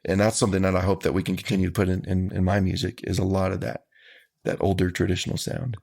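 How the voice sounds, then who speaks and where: A man talks about his music as an interview guest. His voice sits very low with a gravelly rasp, and his phrasing is earnest and folksy. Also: level tone, fast, darkish tone. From Texas. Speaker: country singer guest. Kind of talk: casual interview answers.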